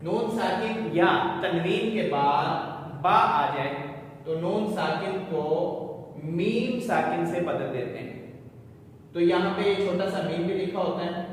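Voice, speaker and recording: A man teaching Quran recitation rules to a class, explaining each rule slowly and then chanting the words drawn out. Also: high-pitched. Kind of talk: classroom tajweed lesson. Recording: echoey hall, voice far from mic.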